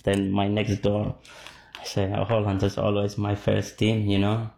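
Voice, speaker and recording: Speaking at normal speed in a low, warm, monotone voice with vocal fry, a man sits for an interview at home. He is from Iraq, a football fan whose first language is Arabic. His replies are brief and casual, full of fillers, and he laughs easily.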